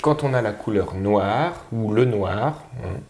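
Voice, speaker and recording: A man with a lowish voice walks learners through a spelling lesson at a slow, deliberate pace. He stretches out words and sounds out each syllable one by one. The room around him is echoey. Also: expressive, darkish tone. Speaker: teacher.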